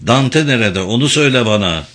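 A man voicing a calm woman police officer who asks steady, firm questions. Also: medium pitch, a little fast.

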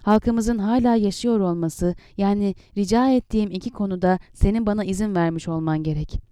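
A woman reading the lines of an earnest young male warrior captain, pleading and reasoning calmly. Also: medium pitch, brisk, clean tone, no echo, clean studio sound, natural voice.

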